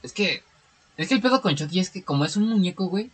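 A young man with a Mexican accent in casual chat with friends, slangy and quick, dropping "güey" constantly. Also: high voice, animated, slightly rough. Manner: fast, slangy, peppers speech with "güey".

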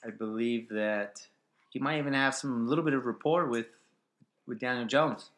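A man trades fantasy football picks with his co-host in a loose, chatty way. His voice is bright and clear at an ordinary middle pitch. He drifts into jokey asides, then rattles off stats. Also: moderate pace. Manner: joking, trails off into asides, quotes stats. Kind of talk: casual sports chat.

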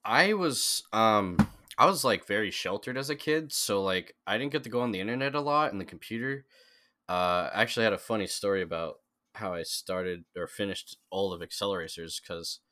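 A man's voice: on the low side, moderate pace, sharp tone. A young man in casual conversation as a podcast guest, rambling with lots of fillers and restarts. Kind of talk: casual chat.

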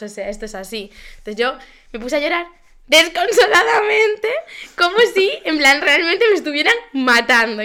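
A woman's voice: a little high, clean tone. A young woman from co-hosting a casual podcast, telling an embarrassing story with lots of laughter and comic exaggeration. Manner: animated, laughs often, exaggerates for comic effect. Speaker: podcast co-host.

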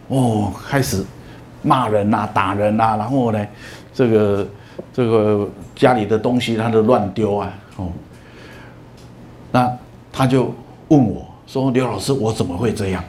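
A man's voice: lowish voice, steady tone, a little mellow, a little hiss or hum. A middle-aged man giving a university lecture, telling stories and stretching out "ah" and "oh" fillers. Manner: storytelling, many drawn-out "ah" and "oh" fillers.

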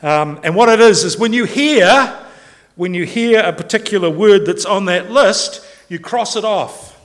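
A man preaches in a loose, conversational way, joking and breaking off mid-sentence. His voice sits fairly high for a man. Long reverb from a church hall trails behind every line. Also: unhurried, fairly bright tone. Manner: chatty, joking, self-interrupting. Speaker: pastor. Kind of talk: informal sermon.

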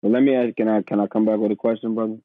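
A pastor in his thirties, appearing as a podcast guest, tells his story earnestly and casually, talking very fast in a lowish, level voice. He often repeats his words and calls the host "man" or "bro," and the audio has a tinny phone-line sound without echo.

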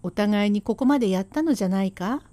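A woman voicing a sharp-tongued, hardworking Edo wife who scolds her husband sarcastically and relentlessly, in rakugo storytelling. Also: medium pitch, expressive, quick pace, no echo, lightly acted. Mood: scolding.

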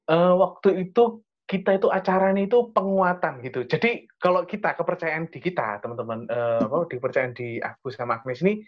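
A young man with an East Javanese accent shares a personal testimony in casual chat, earnest and rambling. His voice sits on the high side and moves briskly, and the audio sounds dull.

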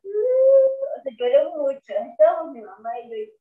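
A woman's voice: high-pitched, fast talker. A young Mexican woman co-hosting a podcast, chatting casually and emotionally with slang. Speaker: podcast co-host. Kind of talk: casual chat. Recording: echoey room, far from mic, tinny phone-like sound.

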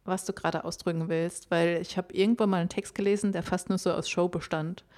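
A woman's voice: lowish voice, fairly even intonation, fast, a little mellow. A woman co-hosting a podcast, explaining her views on writing in a thoughtful, casual way. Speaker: podcast co-host.

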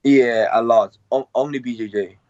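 A mid-range, slightly mellow male voice holds a steady tone in this casual interview with a young MMA fighter from a Hong Kong accent background. He speaks hesitant, halting non-native English peppered with fillers, and the dull, dry lo-fi recording has no echo.

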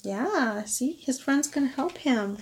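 A woman reading a picture book aloud to her young son, expressive and stopping to ask him questions. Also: high-pitched, slow, slightly rough. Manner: expressive, asks the child questions.

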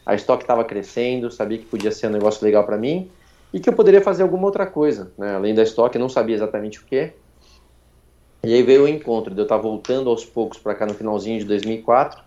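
A Brazilian man in his forties, a former racing driver telling his story as a podcast guest, talking quickly through a nearly closed mouth with little intonation. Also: lowish voice, expressive, dark tone. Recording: dull lo-fi sound.

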